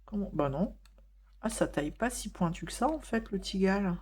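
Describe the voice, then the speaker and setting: A woman's voice: mid-range voice, animated, moderate pace, darkish tone, slight background noise. A woman chatting casually in a vlog while coloring, with lots of fillers and hesitations, laughing now and then. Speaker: vlogger.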